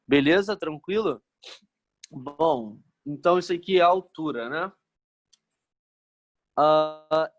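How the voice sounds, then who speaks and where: A man from Brazil, teaching a physics lesson in a casual, joking way and checking in with the class after nearly every phrase. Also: sits high.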